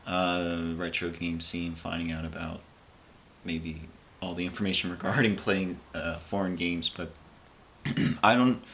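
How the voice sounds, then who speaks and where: Low-pitched and a bit bright, this man's voice belongs to a video game collector vlogger, a native English speaker. He casually shows off his game purchases in an unscripted show-and-tell, rambling with frequent fillers and false starts.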